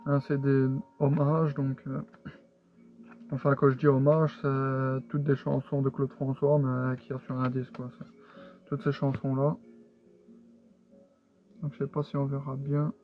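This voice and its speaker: A man's voice: mid-range voice, little pitch movement, moderate pace. A man casually showing his purchases in a haul video, talking hesitantly with many fillers and restarts. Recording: tinny lo-fi sound with faint music.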